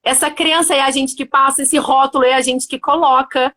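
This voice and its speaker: A woman's voice: sits high, fairly even intonation, brisk, pushed and bright. A woman hosting a casual chat on parenting, explaining her points in a thoughtful way and often checking in with "né?". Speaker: host.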